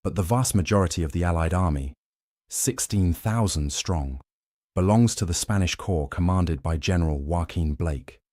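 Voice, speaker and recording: A man narrates history in a grave, measured, dramatic way, pausing for weight. His voice sits very low. The sound is dry and close, with no room around it. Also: a little mellow, no echo. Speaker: documentary narrator.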